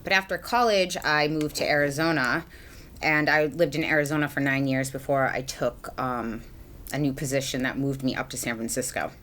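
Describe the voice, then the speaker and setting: A woman's voice: a bass voice, steady tone, moderate pace, a bit bright. A young adult woman chatting casually through a makeup routine as a beauty vlogger, rambling with many ums and likes. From Massachusetts. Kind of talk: casual get-ready-with-me chat.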